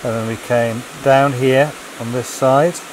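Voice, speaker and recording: A man's voice: medium pitch, steady tone, unhurried, noisy background. A middle-aged man chatting casually outdoors in the hills, explaining a route in an easygoing way. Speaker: walking companion. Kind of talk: casual chat. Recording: distant outdoor camera audio.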